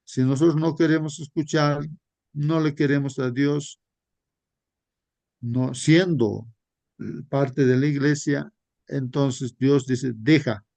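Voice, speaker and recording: A man teaching a Sabbath school Bible study at a very unhurried pace. He repeats his points and keeps turning to his listeners as brothers. The recording is dry, with little room sound. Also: medium pitch, fairly even intonation, vocal fry, a little mellow, dry recording. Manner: slow, repetitive, addresses listeners as brothers.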